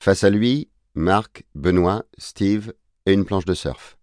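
A man reading an audiobook as narrator, in a measured, even way on a close microphone. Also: deep voice, no echo. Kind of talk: scripted narration.

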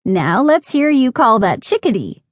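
A woman's voice: a little high, very animated, unhurried, dry recording, clean studio sound. A woman voicing a friendly, impish female fairy in a children's audiobook, playful and encouraging.

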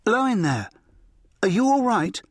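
Male narrator's polite, brave schoolboy: higher, earnest, courteous. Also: very animated, normal speed, husky, dry recording, clean studio sound, full character voice.

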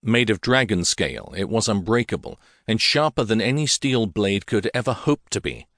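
Low-voiced male audiobook narrator. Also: animated, moderate pace, a bit bright, no echo, clean studio sound. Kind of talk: scripted fantasy audiobook narration.

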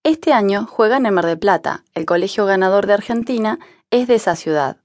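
Woman with an expressive narrating voice. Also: medium pitch, no room sound, studio quality. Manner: clear, measured reading for language learners. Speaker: audiobook narrator. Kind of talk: scripted narration.

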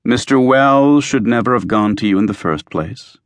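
A man's voice: lowish voice, big pitch swings, measured pace, no room sound, studio quality. A man voicing a smug female crime boss who taunts and sneers in an audiobook. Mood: mocking. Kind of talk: audiobook character voice.

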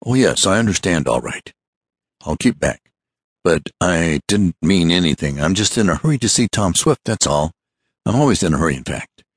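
A man reading a story aloud, voicing a short, stout, fussy businessman who talks in a rapid, boastful rush. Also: deep voice, sing-song, slightly rough, no echo, clean studio sound, full character voice. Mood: hurried. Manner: rapid, breathless, boastful chatter.

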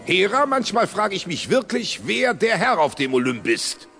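A man's voice: very animated, normal speed, fairly bright tone, soft background music, exaggerated voice. An actor voicing Zeus, a grumpy blustering king of the gods, in a radio play. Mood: grumbling, gleeful. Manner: gruff, grumbling, theatrical swoops in pitch.

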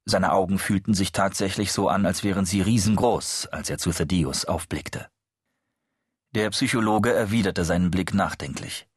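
A man narrating an audiobook, telling the story in a steady, expressive manner. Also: low-pitched, moderate pace, husky, no echo, clean studio sound. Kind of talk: scripted narration.

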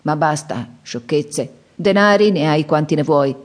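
Booming, bitter old father in an audiobook, read by a woman, pitched up and loud. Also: measured pace. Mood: gruff, scolding. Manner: booming, scolding, sighing. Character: gruff aging widower father, loud, bitter, mocking.

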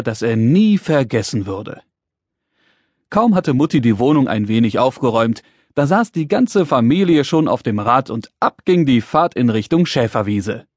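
A man narrating a children's storybook, telling the story in a lively, expressive way and speaking to young listeners. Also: medium pitch, moderate pace, no room sound, clean studio sound. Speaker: audiobook narrator.

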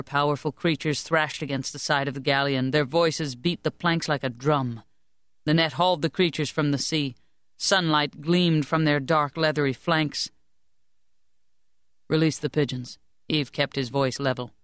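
A woman reading an audiobook in a measured, even storytelling voice, recorded close in a booth. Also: deep voice, no room sound. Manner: measured, even storytelling that lifts and sharpens for shouted lines. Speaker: audiobook narrator. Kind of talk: scripted narration of a historical fantasy novel. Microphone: close studio microphone.

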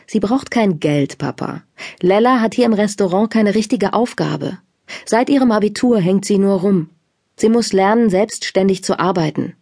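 A woman voicing a calm young man who firmly stands up for his sister. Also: medium pitch, normal speed, no echo, studio quality, lightly acted. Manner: calm, firm. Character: calm young man, protective older brother.

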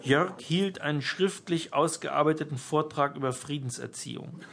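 A man's voice: a little high, normal speed, creaky, fairly bright tone, slight background noise. A man reading his own humorous stories aloud, with a wry, amused storytelling manner. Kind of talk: humorous audiobook narration.

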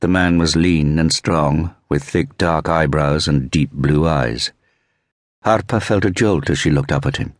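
Deep-voiced male audiobook narrator. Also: unhurried, no echo, clean studio sound. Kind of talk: scripted narration.

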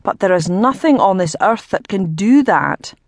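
A woman reading an audiobook voices an irritable, gruff nobleman who barks his words impatiently. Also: medium pitch, expressive, unhurried, no echo, studio quality. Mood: irritated. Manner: barking, impatient.

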